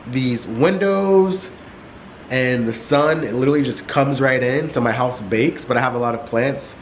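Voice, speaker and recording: Young male vlogger, casual and monotone, filler-heavy, slightly breathless, faint room tone. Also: mid-range voice, fairly quick, a little hiss or hum, low-quality recording. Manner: rambling, many "like" fillers. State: short of breath. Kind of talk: casual vlog chat. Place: warm sunlit apartment living room. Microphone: camera resting on a couch.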